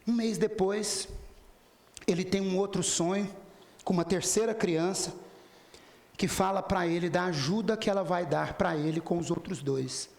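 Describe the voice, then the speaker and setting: A man delivers a spiritist lecture framed as a story, his somewhat high, gravelly voice carrying a darkish tone and the echo of a hall. He retells dialogues in the voices of the people involved and addresses the audience directly.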